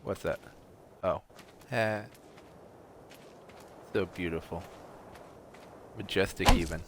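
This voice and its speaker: Sarcastic low-voiced man narrating a game. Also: steady tone, slow pace, background noise. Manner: sarcastic, talks to himself and the game. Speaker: gaming streamer. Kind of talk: casual gameplay commentary.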